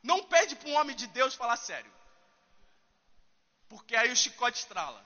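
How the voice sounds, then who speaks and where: Pastor man preaching, jokey and lively, very bright sharp voice, dull echoey church audio. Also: very high voice, normal speed. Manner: animated, humorous, addresses the congregation directly. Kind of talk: sermon.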